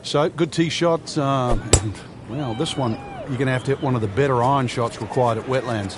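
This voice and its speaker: A man giving conversational golf commentary as the analyst, unhurried and explanatory with dry understatement. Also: mid-range voice, background noise, natural voice.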